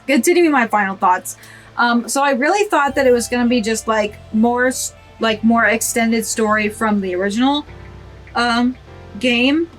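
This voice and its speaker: A woman's voice: on the high side, fairly bright tone. A young woman gushing and giggling through casual game commentary, teary-eyed. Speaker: gaming video creator. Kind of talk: casual let's play commentary.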